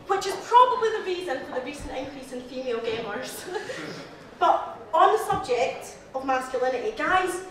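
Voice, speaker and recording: A Scottish woman gives a humorous toast speech. She is nervous and giggles between her lines, and her voice sits high. She is recorded from far off in a very echoey hall with faint background noise. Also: sharp tone. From Scotland. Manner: giggly, laughs often between lines, apologizes a lot. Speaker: speaker giving the reply to the toast to the lassies.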